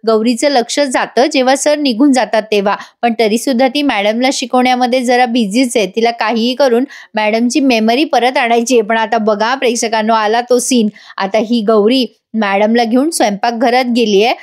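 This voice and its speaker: A woman recaps a TV serial episode as a voice-over, chatting straight to her viewers. Her voice sits high and she tells it like a lively story. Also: normal speed, hardly any pauses. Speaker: TV serial reviewer.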